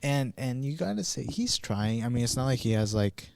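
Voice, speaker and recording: A man's voice: medium pitch, normal speed, creaky, no room sound, studio quality. A man co-hosting a podcast, chatting casually with lots of fillers and repeats. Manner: animated, repeats himself, many fillers. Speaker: podcast co-host. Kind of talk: casual chat.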